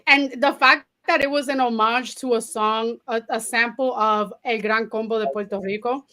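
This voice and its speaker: A woman from New York co-hosts a casual podcast with a slightly high voice. She talks in an animated, blunt and playful way. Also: moderate pace. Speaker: podcast co-host. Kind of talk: casual chat.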